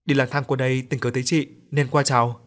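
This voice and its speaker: A man reading the part of a teenage boy's ghost who speaks calmly and gives warnings. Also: medium pitch, fast, lightly acted. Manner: calm, warning. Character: ghost of a teenage boy, calm and cryptic.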